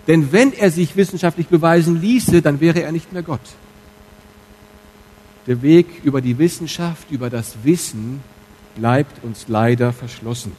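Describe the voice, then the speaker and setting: Speaking in a mid-range, slightly rough voice, a male pastor addresses his congregation frankly during a church sermon, alternating hushed asides with forceful, loud emphasis. The recording quality is low.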